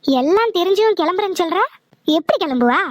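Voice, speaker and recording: A woman's voice: very high voice, expressive, fairly quick, noisy background. A woman voicing a stern, bossy older woman caretaker in a cartoon, scolding and giving orders. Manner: scolding, commanding. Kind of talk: cartoon voice acting.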